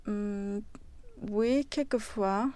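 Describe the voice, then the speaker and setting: Slow, hesitant woman speaking French. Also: medium pitch, dark tone. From Sweden. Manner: hesitant, searching for words, many fillers. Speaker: interviewee. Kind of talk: casual conversation.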